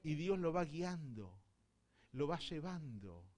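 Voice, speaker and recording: A man from Argentina with an Argentine accent preaching a sermon, telling stories and acting out dialogue, swinging from hushed to loud. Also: on the high side, sing-song, slow pace. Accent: Argentine Spanish. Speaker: visiting apostle preaching.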